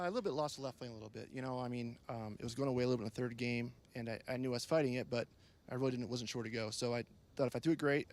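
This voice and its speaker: A man's voice: medium pitch, a little mellow. A man, an athlete giving a casual, plain-spoken, rambling post-match interview. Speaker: pro athlete being interviewed.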